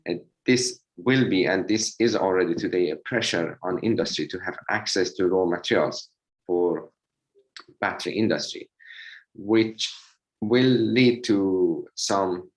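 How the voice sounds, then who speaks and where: A man with a slightly hoarse voice giving an academic presentation over a video call, hesitant with many fillers. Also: low voice. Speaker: associate professor giving a webinar talk.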